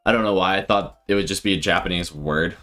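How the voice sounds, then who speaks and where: A man streaming live and thinking out loud with casual commentary, laughing often. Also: sits low, fast talker, faint music behind. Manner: thinking aloud, frequent laughter.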